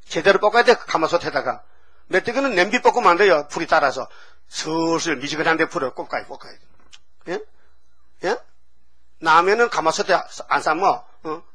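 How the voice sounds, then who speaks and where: A man's voice: high voice, fairly bright tone, slightly rough. A male preacher giving a jokey, folksy sermon and having the congregation repeat after him. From Gyeongsang region of Korea. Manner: breaks into sung hymn lines.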